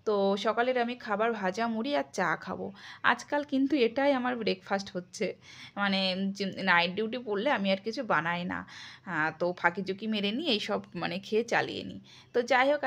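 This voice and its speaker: A quick-talking woman in her thirties with a Bengali accent narrates her home vlog from the kitchen. She speaks at a mid pitch and chats directly to her viewers in a casual, friendly way. Her delivery moves briskly from one thing to the next. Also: creaky. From India. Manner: chatty, talks to viewers directly; sometimes speaks softly so a sleeper is not woken. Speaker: vlogger.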